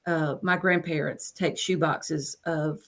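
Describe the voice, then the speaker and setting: In a casual interview, a woman in her fifties who works as a coach recounts her experience as a guest, chatting and repeating phrases to stress points. She speaks slowly in a low, slightly bright voice with fairly even intonation.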